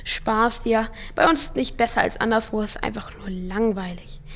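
A woman's voice: on the high side, normal speed, fairly bright tone. A woman voicing a teenage boy from Earth in an audio drama, with casual, slangy teen talk. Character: teenage boy from Earth, cocky but grieving. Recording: music playing underneath.

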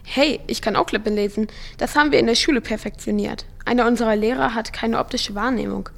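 In an audio drama with music underneath, a woman plays a teenage boy from Earth who is cocky but grieving, using casual, slangy teen talk. Her voice is a little high, fast, and gravelly.

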